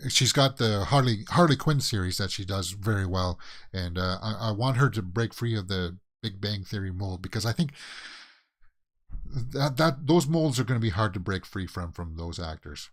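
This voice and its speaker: A man's voice: on the low side, expressive, normal speed. A Canadian man hosting a casual movie news show, rambling through headlines with plenty of fillers and restarts. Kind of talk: casual solo commentary.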